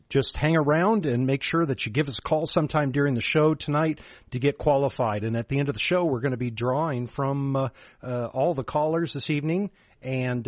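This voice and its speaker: A man's voice: medium pitch, no room sound. A man co-hosts a call-in radio show with an upbeat announcing manner, now and then stumbling over an "uh". The sound is dry and close, with no room in it. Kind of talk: casual radio show hosting.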